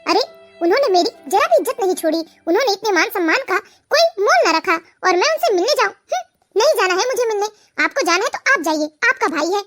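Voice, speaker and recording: A resentful elder sister-in-law from an animated family drama, played by a woman. She has a very high voice and a scornful, indignant way of speaking. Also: exaggerated voice. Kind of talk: animated cartoon voice acting.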